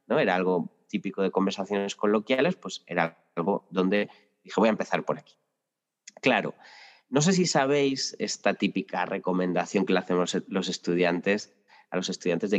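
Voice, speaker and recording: A man explaining his language-teaching experience in a podcast interview, thoughtful and full of anecdotes with many restarts. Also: deep voice. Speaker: Spanish teacher guest. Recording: lo-fi with long reverb.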